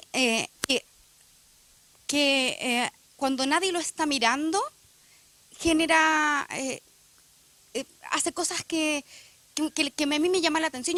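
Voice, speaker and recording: A woman's voice: high voice, a bit bright. A young woman, speaking reflectively and with emotion in a church testimony interview, often hesitating with fillers.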